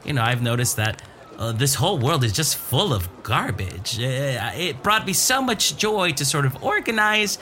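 A man voicing a tiny, flattering male imp who cheerfully eats other people's garbage. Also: mid-range voice, moderate pace, faint music behind. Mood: fawning. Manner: eager, people-pleasing, flattering, giggly.

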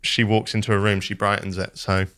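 A man's voice: lowish voice, level tone, a little fast, a bit bright, smooth. A man, talking casually on a podcast, self-deprecating and often restarting his sentences. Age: 20s.

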